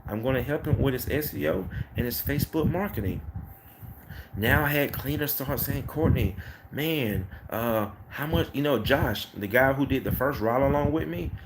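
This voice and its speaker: Casual vlogger, man, late 30s, mid-pitched, chatty storyteller who keeps saying "next thing you know"; recording is noisy with clicks. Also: moderate pace. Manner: rambling, repeats "next thing you know", acts out quoted dialogue. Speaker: carpet cleaning business owner.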